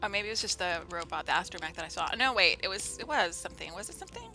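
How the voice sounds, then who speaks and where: Bright-voiced, chatty woman livestreaming a game. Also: on the low side, lively intonation, very fast, soft background music. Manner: giggly, playful, chatty. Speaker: live streamer playing a video game. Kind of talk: casual livestream game commentary and chat.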